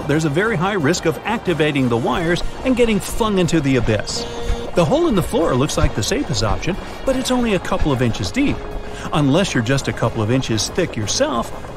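A man tells a trap-filled adventure straight to the listener in a bouncy, expressive voice that swings widely in pitch. His delivery is pitched a little high and styled as scripted storytelling, with soft music running behind. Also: brisk. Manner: lively, dramatic, second-person storytelling with quiz questions. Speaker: narrator. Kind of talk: scripted narration of riddle story. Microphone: studio voice-over.

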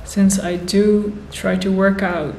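A woman in her thirties talking casually to the camera, thoughtful and unhurried, pausing with fillers. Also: mid-range voice, flat delivery. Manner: slow, thoughtful, with pauses and fillers. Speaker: vlogger. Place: bright room indoors. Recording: echoey room, faint noise.

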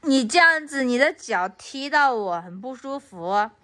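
A woman's voice: high voice, expressive, measured pace, sharp tone. A woman from Anhui scolding her toddler at home, repeating baby talk. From Anhui, China.

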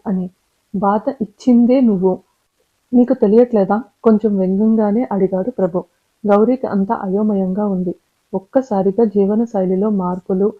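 A woman narrating a scripted story and reading every character's lines in her own voice. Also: mid-range voice. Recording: phone-like narrow audio.

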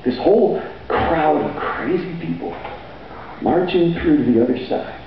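A middle-aged pastor paces a large hall stage with band gear, preaching a sermon into a handheld mic with energy and the occasional shout. His voice sits on the high side, though his pace stays measured. A distant camera captures him, so the audio comes across dull and echoey, with faint noise.

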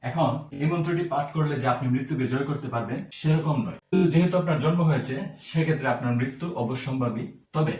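A man's voice: mid-range voice, darkish tone, distant mic. Man teaching pronunciation in an echoey room. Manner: slow, careful, spelling out sounds. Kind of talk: pronunciation lesson.

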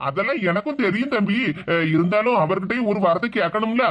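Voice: medium pitch, lively intonation, fast, a bit bright, natural voice. A voice actor doing a hemming marriage broker. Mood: hesitant. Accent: Tirunelveli Tamil. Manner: hesitant, polite, hemming. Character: cautious middle-aged marriage broker.

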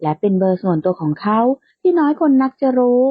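A woman narrating a romance audiobook in a calm, steady storytelling voice, in a lightly lo-fi, dry recording. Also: mid-range voice, quick pace, slightly rough, dry recording.

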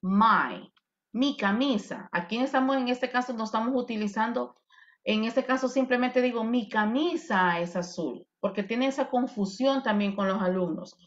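A woman whose first language is Spanish, teaching English grammar in an online class, repeating examples patiently and clearly. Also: a little high, normal speed, highs cut off.

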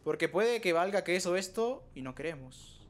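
A young man doing live gameplay commentary, excitable, trash-talking opponents and letting out sudden high yelps. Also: normal speed. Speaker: gaming streamer.

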